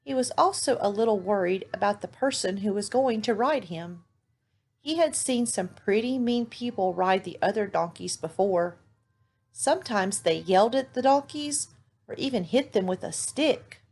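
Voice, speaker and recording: A woman reading a children's story aloud in a clear, expressive storybook manner. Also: medium pitch, moderate pace.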